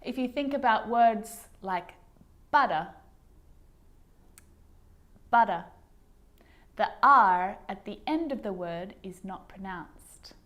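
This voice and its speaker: A woman teaching English pronunciation who says each example word twice, slowly and clearly. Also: medium pitch, lively intonation, a bit bright. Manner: models words twice, clearly and deliberately. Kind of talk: slow instructional explanation.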